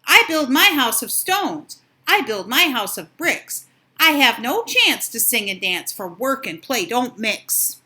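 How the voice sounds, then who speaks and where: A woman voicing a stern, hard-working male little pig in a storybook, chanting in an emphatic, measured way. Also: mid-range voice, expressive, fairly bright tone. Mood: stern, resolute. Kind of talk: storybook character voice.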